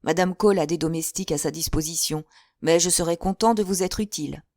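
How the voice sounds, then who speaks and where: A woman voicing a stern, authoritative gentleman who speaks firmly and briefly. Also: on the low side, fast, no room sound, clean studio sound, close to an everyday voice. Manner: firm and clipped.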